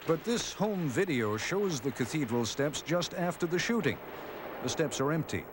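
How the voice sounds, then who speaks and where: A man narrating a television news documentary in a measured, solemn scripted delivery. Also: a little high, animated, noisy background.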